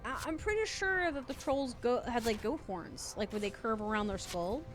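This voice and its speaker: High-voiced woman streaming a game. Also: lively intonation, normal speed. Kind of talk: casual gameplay commentary. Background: game music.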